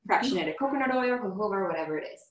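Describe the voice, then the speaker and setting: A woman's voice: mid-range voice, lively intonation, very fast. A woman in the class asks questions and repeats the steps back to check them. Her voice comes from across an echoey room, far from the microphone. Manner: inquisitive, restating to check. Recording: roomy, distant from the mic.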